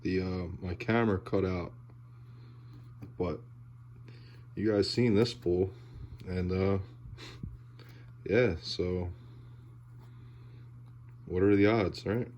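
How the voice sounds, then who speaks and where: Male hobby-video host, unhurried and low, laid-back commentary, heavy audible breaths between phrases. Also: fairly even intonation, darkish tone, highs cut off, slight background noise. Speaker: host of a sports card pack-opening video. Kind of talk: casual unboxing commentary.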